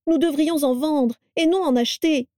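A woman voicing a shrill, complaining young wife who is high-strung and theatrical. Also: normal speed, dark tone, no room sound, studio quality, natural voice. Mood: whining.

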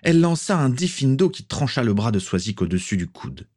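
A man narrating a fantasy story aloud in a steady, measured way. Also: mid-range voice. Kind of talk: audiobook narration.

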